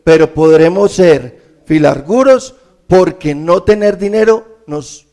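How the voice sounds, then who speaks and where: A man preaching, his voice somewhat high and gravelly. He talks to the congregation conversationally and keeps asking rhetorical questions to check they follow. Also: slow, warm tone. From Colombia. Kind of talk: sermon.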